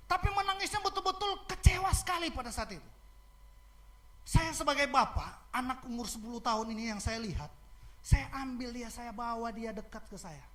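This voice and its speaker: A middle-aged man preaching a sermon as pastor, telling a personal story with swings from soft, quiet passages to loud, shouting emphasis. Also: very high voice.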